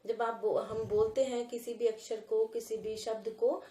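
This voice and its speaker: Female teacher explaining sounds in a lesson, slightly high-pitched, echoey room. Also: flat delivery, mellow, a little hiss or hum. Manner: repeats words and sounds slowly, addresses viewers as friends. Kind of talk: explaining Hindi grammar lesson.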